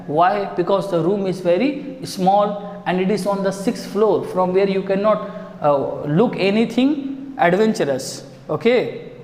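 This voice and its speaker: A man's voice: sits high, darkish tone. A man with an Indian accent, teaching an English story line by line and asking his students questions. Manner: explains line by line, asks students rhetorical questions. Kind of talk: classroom lesson explaining a story. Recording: echoey room with long reverb.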